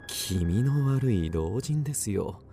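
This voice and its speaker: A man's voice: lowish voice, lively intonation, slow pace, mellow, slightly rough, full character voice. An actor playing an agitated, obsessed man recounting an eerie mystery in dramatic radio drama narration, with theatrical swings. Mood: haunted, suspenseful. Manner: suspenseful, theatrical, with sudden swings.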